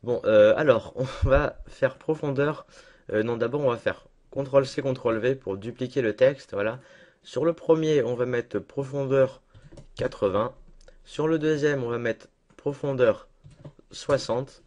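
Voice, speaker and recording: A young man talking through a casual screen-recorded software tutorial at his computer, chatty and self-deprecating, with lots of fillers. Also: mid-range voice, a little slow. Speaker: tutorial maker.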